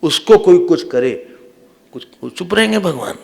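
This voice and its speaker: A man who is a swami, giving a devotional sermon and telling sacred stories in a lively, humorous way, acting out the quotes. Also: sits high, measured pace, creaky. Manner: animated, humorous, acts out quotes. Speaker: swami, spiritual teacher.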